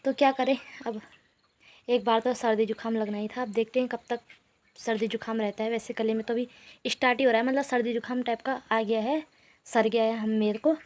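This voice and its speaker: A woman's voice: fairly high pitch, fairly even intonation, fairly quick, darkish tone. Young village vlogger woman with a cold. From Uttarakhand hills, India. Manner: chatty, talks to her viewers and coos at her cats. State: has a cold and sore throat. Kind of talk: casual vlog chat.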